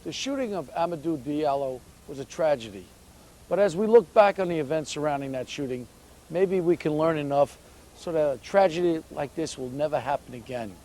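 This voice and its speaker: A man's voice: a little high, lively intonation, a little fast, dark tone, poor audio. A man hosting and narrating a police reenactment in a scripted style, also putting interview questions. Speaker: host and narrator, former police officer. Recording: faint background noise.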